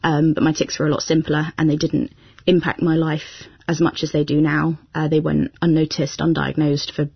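A woman's voice: low voice, little pitch movement, normal speed, gravelly, slightly rough, no room sound. A young woman speaking as an interview guest, telling her experience in a reflective, plain-spoken way. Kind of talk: personal account in an interview. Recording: dry, dull-sounding recording.

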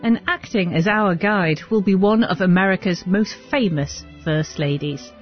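A woman's voice: lowish voice, normal speed, highs cut off, soft background music. A woman presenting a scripted history programme on the radio.

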